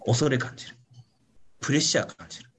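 A man talks fast in a voice that's a bit bright. He's a pastor leading a Bible study online with his congregation, giving a chatty, playful, casual teaching sermon in which he keeps adding a questioning "ne" tag to his sentences and acts out little voices for examples.

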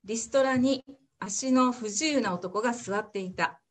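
A woman reading a Bible passage aloud in church, steady and careful, then praying. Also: fairly high pitch, a little slow. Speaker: scripture reader.

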